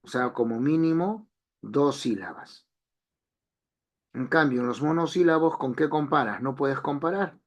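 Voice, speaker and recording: A man's voice: on the high side, unhurried, highs cut off. A man teaching an online language class, explaining step by step and repeating key phrases.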